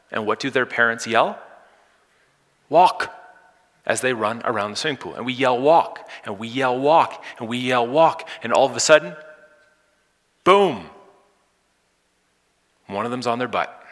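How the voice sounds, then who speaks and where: A man preaches a sermon in a church sanctuary with a bright, forceful voice. He pushes loud on key words, then sinks to a hush. His voice carries a long reverb from the hall. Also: medium pitch. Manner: dynamic, swinging from loud emphasis to soft hushed lines. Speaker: pastor.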